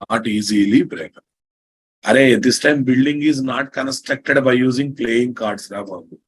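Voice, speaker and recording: A man's voice: mid-range voice, steady tone, moderate pace, slightly rough. A man with an Indian accent lecturing online as a programming instructor, bluntly teasing, repeating his phrases and checking understanding with questions.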